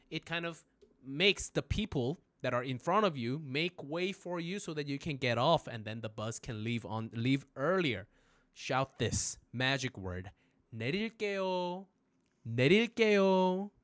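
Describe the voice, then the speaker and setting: A man teaching phrases in a live-streamed lesson, joking, swearing casually and making loud sound effects. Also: medium pitch, lively intonation, a little slow, dry recording, clean studio sound. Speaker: Korean language teacher.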